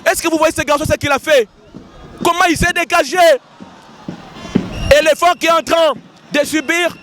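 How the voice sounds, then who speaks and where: A man with a hoarse voice, giving live, excitable commentary at an outdoor wrestling gala and often repeating his lines. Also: extremely high pitch, normal speed, a little hiss or hum. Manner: excitable, shouting, repeating phrases. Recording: outdoor event with loud crowd and music.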